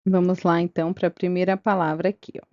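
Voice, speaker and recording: A woman's voice: fairly low pitch, level tone, brisk, no room sound, dull audio. A woman teaching Hebrew reading, sounding out syllables one by one and checking in with her students. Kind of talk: slow reading lesson, syllable by syllable.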